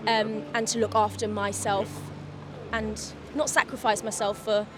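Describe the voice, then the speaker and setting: A woman's voice: medium pitch, little pitch movement, a little slow. A woman in her early twenties, answering a street interview with many hesitant fillers. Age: young adult.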